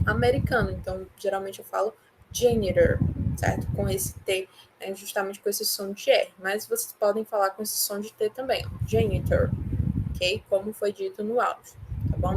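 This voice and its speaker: A woman's voice: medium pitch, background noise. A woman with a Brazilian Portuguese accent, an English teacher giving an online class, patiently explaining step by step and often checking in with the students.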